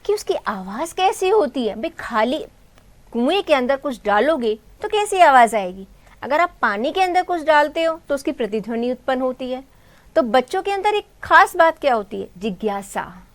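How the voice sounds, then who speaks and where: A woman's voice: sits high, very animated, moderate pace. A woman teacher who retells a textbook story for students, asking questions and answering them herself. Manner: calls students "beta" and "bhai". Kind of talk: explaining a textbook story in Hindi.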